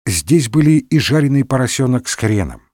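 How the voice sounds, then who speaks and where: A man narrating a comic story in an expressive, ironic storybook manner. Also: mid-range voice, normal speed, no echo, studio quality.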